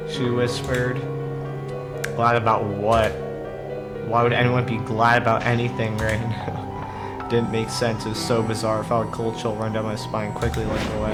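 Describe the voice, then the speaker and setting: A man streaming a game live, reading its story text aloud and breaking off to react with swearing and laughs. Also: on the low side. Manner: reads narration then reacts with swearing and laughter.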